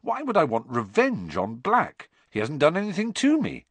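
A troubled teenage schoolboy mutters quietly in a puzzled tone, as a man reads him. The sound is dry and close, with no room echo. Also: fairly high pitch, huge pitch swings, normal speed, slightly rough, voice pushed up, exaggerated voice.

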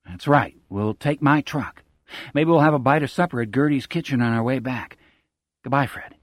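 Narrator as quiet, grounded man: low-key, firm, measured, dry close read. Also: dry recording, lightly acted. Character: calm, steady adult man, quietly firm. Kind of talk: audiobook character voice.

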